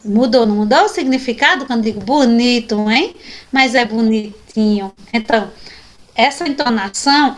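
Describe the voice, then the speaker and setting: High-voiced Brazilian woman teaching a class. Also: fairly bright tone. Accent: Brazilian Portuguese. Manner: explanatory, frequent checking questions to students. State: tired after a long day. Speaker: sign language teacher. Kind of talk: online class lecture.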